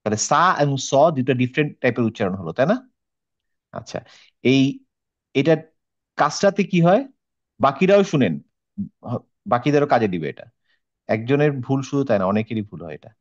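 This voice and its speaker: A man leads an online reading class and patiently models each sound over and over for his students. His voice sits in a middle pitch. The call audio is dull and lo-fi. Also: sing-song, moderate pace, pauses often. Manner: patient, demonstrates sounds by repeating them. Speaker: Quran reading teacher.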